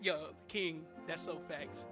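A man's voice: a little high, fairly even intonation, slow pace, over loud music. A young man live-streaming a game, greeting chat by name with lots of slang and hyped chatter.

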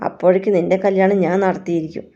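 A woman's voice: lowish voice, steady tone, fast talker, dark tone, dull audio. A woman reading the lines of a harsh, bossy mother who scolds her daughter. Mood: scolding.

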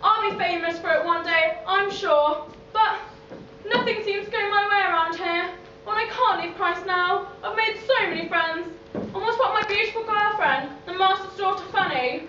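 A hapless young Victorian student hero acted by a woman declaims with naive earnestness in a pantomime. The very high voice reaches a distant camera through echo and background noise. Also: moderate pace, pushed and bright. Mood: earnest, forlorn. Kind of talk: stage pantomime acting. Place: on stage in a theatre hall. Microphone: distant camera in the audience. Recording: echoey theatre, distant camera, dull, noisy.

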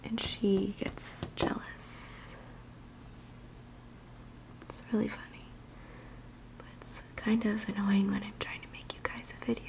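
A young woman giving a soft-spoken, whispered ASMR chat in a gentle, unhurried, soothing murmur. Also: mid-range voice, little pitch movement, gravelly, low-quality recording. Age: young adult. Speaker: ASMR video maker.

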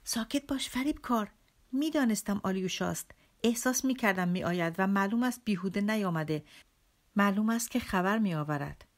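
A woman reading an audiobook, voicing a tormented young man who shouts in a frenzy. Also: medium pitch, pitched above the performer's own voice, natural voice. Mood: frantic. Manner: shouting, frantic.

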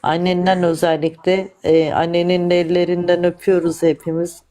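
Mellow, hesitant livestream speaker. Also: medium pitch, flat delivery, moderate pace. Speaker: livestream participant. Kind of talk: casual chat.

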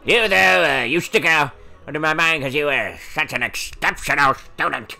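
A man's voice: a little high, normal speed, gravelly, pushed and bright, faint music behind, voice pushed up, heavily acted. A man voicing an elderly, absent-minded male Goomba professor while reading game dialogue on stream. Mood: scholarly. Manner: flustered, fumbling old-man voice.

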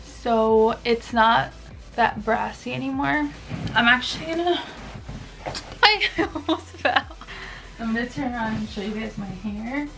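Speaking at a measured pace with frequent pauses, this twenty-something Texas beauty vlogger has a slightly high, creaky voice. She chats candidly to a camera on a tripod in her bedroom, using lots of fillers and the occasional curse, over music in a low-quality recording.

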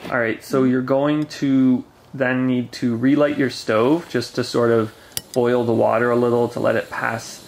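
A man's voice: mid-range voice, level tone, a little slow, a little mellow, slight background noise. A man casually explaining how to make camp coffee, talking step by step at a picnic table in a forest. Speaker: camping gear reviewer.

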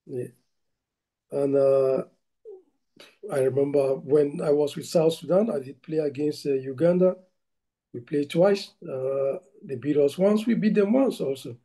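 Hesitant Cameroonian coach, bright forceful voice. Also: male voice, a little high, measured pace, rough recording. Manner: hesitant, many fillers and restarts. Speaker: football coach. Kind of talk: video call interview. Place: indoor room at home. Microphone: video call laptop mic.

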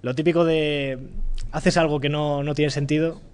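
A man with a Spanish accent from Spain giving a relaxed, joking live-coding talk in a lecture room, thinking aloud as he goes. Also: a little high, normal speed, smooth. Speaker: conference speaker.

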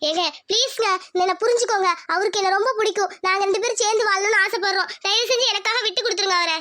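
A woman voicing a gentle, poor young village girl in a cartoon, pleading and tearful. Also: very high-pitched, fairly even intonation, racing. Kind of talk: cartoon voice acting.

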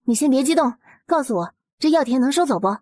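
A woman performs a bold young heroine from a historical romance drama in a high voice. She is spirited, practical and forthright, with a brisk manner. The recording is dry. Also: lively intonation, warm tone, no room sound. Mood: brisk, confident. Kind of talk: historical audio drama dialogue.

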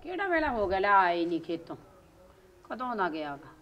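A woman's voice: medium pitch, very animated, normal speed, a bit bright. A woman with a rural Malwa Punjabi accent, playing a caring older sister-in-law who keeps reassuring the other woman. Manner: soothing, reassuring.

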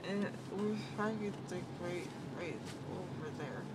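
A woman's voice: lowish voice, unhurried. A young woman, drowsy and rambling after wisdom tooth surgery, talking with gauze in her mouth and slurring her words. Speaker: patient after wisdom teeth removal. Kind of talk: casual chat. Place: car. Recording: loud road noise, distant mic.

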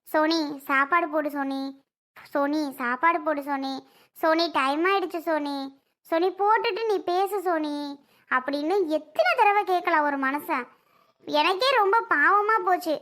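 A performer with a high voice plays a gossipy, sharp-tongued young sister-in-law in a family comedy skit, grumbling as she tells tales.

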